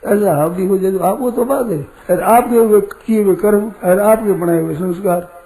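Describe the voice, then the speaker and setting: Older male preacher, high mellow voice, deliberate storytelling discourse. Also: rough recording. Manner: storytelling, rhetorical questions, slow and deliberate. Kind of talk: spiritual discourse.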